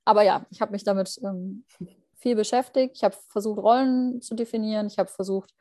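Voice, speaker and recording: A woman's voice: medium pitch, steady tone, a little fast, mellow, dry recording. Dry-voiced young woman thinking aloud. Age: young adult. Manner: thoughtful, hesitant, many fillers and restarts. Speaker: guest, junior anesthesia doctor. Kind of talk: reflective interview answers.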